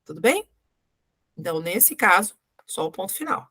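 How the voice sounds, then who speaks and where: A woman's voice: on the low side, sing-song, moderate pace, sharp tone, breathy edge, dry recording, studio quality. Patient Brazilian woman teaching grammar. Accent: Brazilian Portuguese. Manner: patient, explains step by step and checks understanding. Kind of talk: live grammar lesson.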